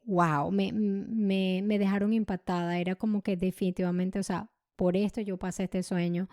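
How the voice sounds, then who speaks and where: A young adult woman hosting a podcast, telling a personal story in an emotional, halting way with many restarts and repeated words. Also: medium pitch, dark tone, no room sound, studio quality. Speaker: podcast host.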